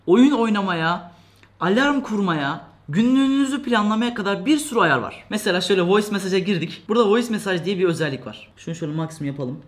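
A fast-talking man with a high-set voice reviews a gadget from his desk indoors. He chats loosely, cracks jokes and laughs often, mock-complaining along the way. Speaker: tech reviewer. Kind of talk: casual product review vlog.

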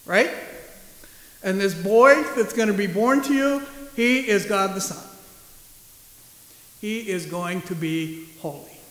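Pastor guy giving a sermon, chatty and jokey, higher voice, slow, echoey church. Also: a bit bright. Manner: conversational, joking.

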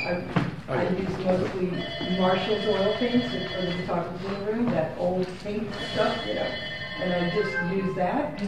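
Heard from a distance across a small, very echoey gallery room, a photographer talks through her work in her mid-range voice. There's no microphone, only a far room camera, and steady background noise runs under her rambling, self-correcting, unscripted gallery talk.

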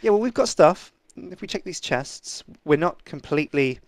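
A man's voice: on the high side, lively intonation, moderate pace, no echo. A man co-hosting a gaming video, giving casual commentary in a playfully earnest, rallying way.

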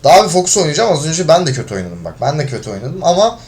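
A man's voice: on the high side, very animated, very fast. A man commentating his own gameplay, getting frustrated and swearing at his teammates. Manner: frustrated, swearing, shouts when losing. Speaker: gaming video creator.

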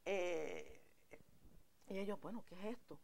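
A woman's voice: fairly low pitch, huge pitch swings, a little slow, creaky, a little mellow. A woman from New York, a painter, telling her story in her studio and slipping English words into her Spanish. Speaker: painter, interview guest. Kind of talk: casual interview.

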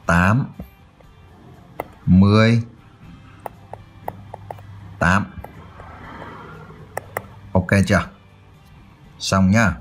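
A man's voice: low voice, steady tone, drawn-out words, pauses often, soft background music. A man tutoring children through a math exercise, explaining step by step and often checking that they follow. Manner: checks in often with "được chưa?".

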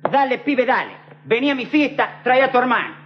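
Sing-song and fairly quick, the very high male voice of a TV sketch comic swaggers through an in-character monologue as a Rioplatense-accented street hustler. He rambles in dense slang and repeatedly checks "all right?" that he's being followed. Faint hiss runs under the dull, lo-fi 1990s TV tape sound.

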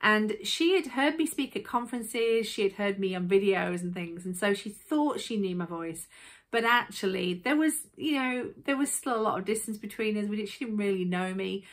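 A woman's voice: medium pitch, lively intonation, moderate pace. Earnest Yorkshire woman giving a devotional. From England. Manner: earnest, reflective, asks the listener questions. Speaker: devotional host. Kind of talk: devotional talk.

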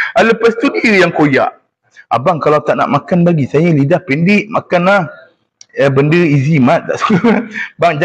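A man's voice: fairly high pitch, a bit bright. A young man with a Malaysian Malay accent, chatting casually on a live stream, teasing viewers and reading their comments aloud.

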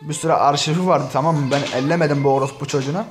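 A man's voice: a little high, fairly even intonation, very fast. A man ranting and cursing nonstop as he comments on an online insult battle, talking straight to his viewers. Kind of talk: profane screen-share commentary to viewers.

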